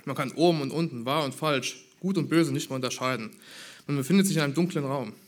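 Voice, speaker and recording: A man preaches a sermon in an earnest, measured voice that sits at an ordinary middle pitch. He builds his points through rhetorical questions aimed at the congregation.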